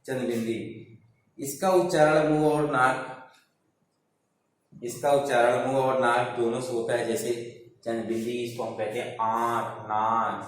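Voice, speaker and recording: Slow, echoey male teacher. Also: medium pitch, far from the mic. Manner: asks questions then answers them himself; slow, repeats terms for pupils. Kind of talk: online Hindi grammar lesson. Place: classroom. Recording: very echoey room, voice away from mic, faint noise.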